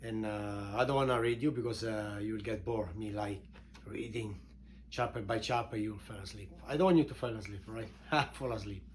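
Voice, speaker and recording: A man's voice: on the low side, steady tone, darkish tone. Italian-accented man over noticeable background noise. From Italy. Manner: halting non-native English with emphatic repetitions. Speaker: author and show host introducing his book. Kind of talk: informal spoken book introduction.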